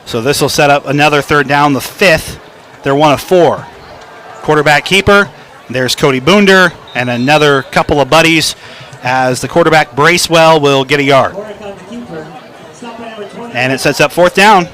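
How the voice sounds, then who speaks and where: Male football announcer, bright and forceful, excited touchdown call delivery, live radio with crowd noise. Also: fairly high pitch, moderate pace. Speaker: play-by-play announcer. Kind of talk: live high school football radio commentary. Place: stadium broadcast booth. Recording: crowd behind, outdoor game ambience.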